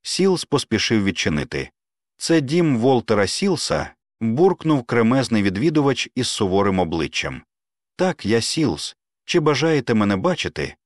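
Lively male audiobook narrator. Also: lowish voice, normal speed, no echo, clean studio sound. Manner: reads every character in his own voice, lively intonation. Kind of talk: scripted narration.

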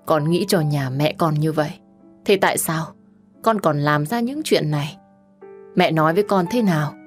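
A stern older mother-in-law, voiced by a woman reader, scolding with sharp reproachful questions in a low voice. She is angry yet aching with pity, a storybook matriarch holding back tears. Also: moderate pace, faint music behind, close to an everyday voice.

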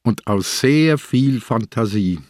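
An actor playing a calm, shrewd aging police inspector in a radio play, reasoning aloud in a measured way. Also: male voice, medium pitch, no room sound, clean studio sound. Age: older.

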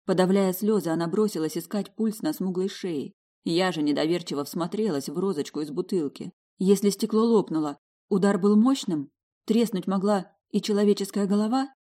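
A woman giving a lively, expressive first-person audiobook narration. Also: mid-range voice, moderate pace.

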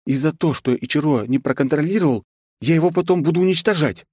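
A man voicing a haughty, hot-tempered young noble girl who scolds in shrill outbursts. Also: fast, a little mellow, husky, no echo, clean studio sound. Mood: indignant.

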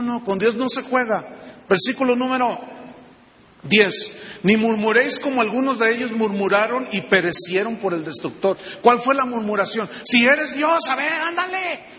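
A man preaches a sermon in a high, bright, forceful voice. He peppers his listeners with rhetorical questions and delivers each point with energy. His voice rings out with a long reverb, as in a large church hall. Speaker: pastor.

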